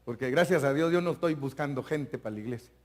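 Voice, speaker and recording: An older man preaching a live church sermon as pastor, animated, often calling out to his listeners as brother and at times breaking into shouts. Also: medium pitch, fast. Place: church sanctuary.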